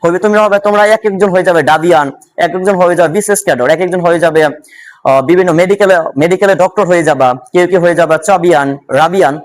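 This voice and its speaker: A man with a Bangladeshi Bengali accent runs an exam-prep vocabulary lesson. His voice sits a little high for a man. He drills words by asking a question and answering it himself. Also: fast talker. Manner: louder and more animated when solving questions. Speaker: vocabulary teacher.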